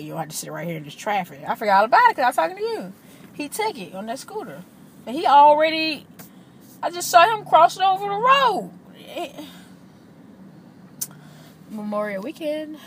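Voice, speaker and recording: A woman chatting casually and animatedly while driving in traffic, swearing freely, recorded in her car. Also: a little high. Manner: chatty, profane, animated storytelling. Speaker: vlogger. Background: faint car and road noise.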